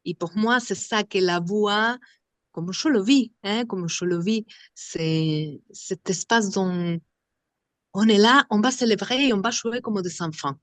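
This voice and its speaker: Woman, Argentine accent, Spanish native, unhurried, dry close sound, halting speech. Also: medium pitch, no echo. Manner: halting, searching for words, many fillers. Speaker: singer and vocal workshop leader. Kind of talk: interview.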